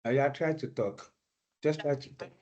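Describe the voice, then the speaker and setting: A man's voice: mid-range voice, normal speed, darkish tone, muffled recording. A man on a video call whose short instructions echo back through a second device's open mic, repeated over and over.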